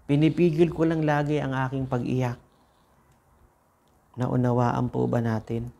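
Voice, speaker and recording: A man's voice: mid-range voice, little pitch movement, a little slow, creaky, dark tone. A man with a Filipino accent preaching a sermon, repeating phrases and asking the congregation rhetorical questions. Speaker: pastor.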